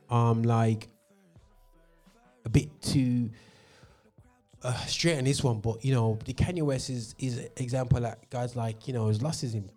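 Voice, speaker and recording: Hosting a gospel radio program in a studio, a man with a warm, medium-pitched voice delivers a passionate, opinionated monologue. His rant is full of filler words.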